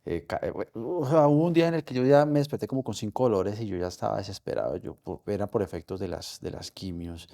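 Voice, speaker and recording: A middle-aged man with a Colombian accent, telling a personal story in an interview, halting and emotional with many restarts. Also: on the low side, gravelly, dark tone. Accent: Colombian Spanish. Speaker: interview guest.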